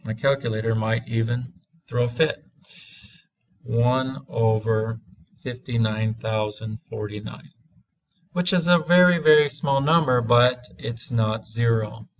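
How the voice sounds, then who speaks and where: Slow deliberate male math teacher. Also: mid-range voice, muffled recording. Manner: slow, deliberate, stretching key words. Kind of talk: classroom math lesson.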